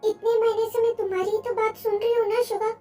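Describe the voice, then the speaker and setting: A woman's voice: very high voice, fairly even intonation, moderate pace, darkish tone, recorded from a distance, faint music behind, voice pushed up. A woman voicing an upset, complaining young woman in a fan audio drama.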